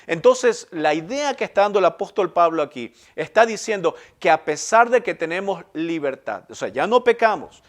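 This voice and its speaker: A middle-aged man preaching a sermon, his voice sitting somewhat high for a man. He pushes key phrases up with sudden emphasis, then lets the ends of his lines drop away quietly, in an earnest pulpit manner. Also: sing-song, normal speed, hardly any pauses. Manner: earnest, emphatic preaching with rising bursts and soft trailing ends. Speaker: pastor.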